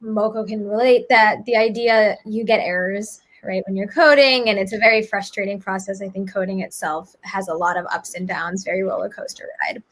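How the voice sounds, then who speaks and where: A woman's voice: medium pitch, steady tone, normal speed, few pauses. A young woman answering interview questions, reflective and casual, with many "like"s and "I think"s. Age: young adult. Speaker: guest, student author and app maker.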